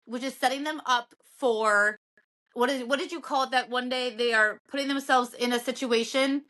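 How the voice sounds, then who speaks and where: A woman co-hosting a casual podcast, with a fairly high voice and a bright, sharp edge to it. She laughs easily and drops dry, sarcastic asides. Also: fairly even intonation, normal speed. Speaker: podcast co-host. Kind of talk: casual chat.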